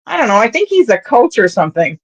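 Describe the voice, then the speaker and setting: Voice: medium pitch, big pitch swings, fast talker, fairly bright tone, pitched above the performer's own voice. A podcast host quoting a seven-year-old girl who is unsure and offhand.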